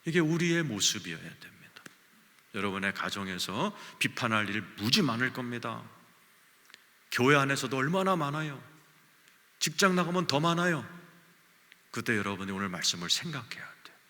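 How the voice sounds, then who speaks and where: A man preaching a sermon, his voice bright and forceful, ringing through a church sanctuary with a long reverb tail. He tells his stories with sweeping rises and falls in pitch and volume and sometimes sinks to a near whisper to make a point. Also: lively intonation, normal speed, long pauses. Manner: storytelling preacher with sweeping swings in pitch and loudness; drops to a near whisper for emphasis. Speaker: senior pastor.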